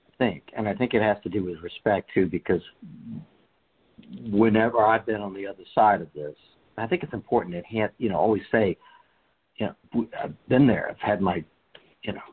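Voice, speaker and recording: A man in a group discussion, musing aloud in a rambling, halting way. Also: fairly low pitch, expressive, husky. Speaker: discussion participant. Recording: tinny phone or call line.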